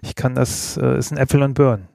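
A man's voice: medium pitch, fairly even intonation, a little fast, creaky, mellow, no echo, clean studio sound. A man from Bremen, a podcast guest, giving thoughtful, qualified answers about sports nutrition. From Bremen, Germany. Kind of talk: podcast interview.

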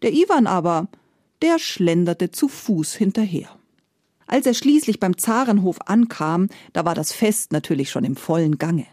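A woman narrating a fairy tale, lively, acting out the characters' lines. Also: on the low side, moderate pace, dry recording, clean studio sound. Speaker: storyteller.

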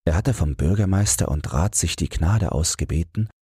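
A man narrating a fairy tale as a calm, soothing bedtime audiobook. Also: low-pitched, normal speed, husky, dry recording, clean studio sound.

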